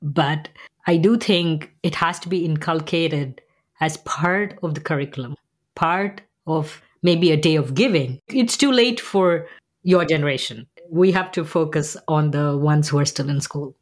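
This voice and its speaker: A woman's voice: deep voice, unhurried. A middle-aged woman interviewing, speaking in a thoughtful, conversational way.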